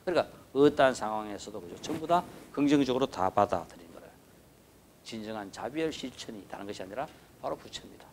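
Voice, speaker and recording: A man's voice: on the low side, expressive, fast, a little mellow, a little hiss or hum. A man with a Gyeongsang accent giving a dharma lecture on a Buddhist scripture. He stresses key words and keeps asking the listeners to agree. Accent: Gyeongsang Korean. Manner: emphatic, repeats key words.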